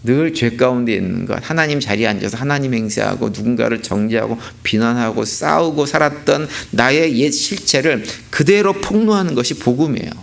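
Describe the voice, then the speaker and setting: A male pastor delivers a sermon in a church, his voice carrying a gravelly edge. He speaks at a middle pitch, pressing his points with rhetorical questions and emphatic repetition. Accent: Korean. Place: church sanctuary.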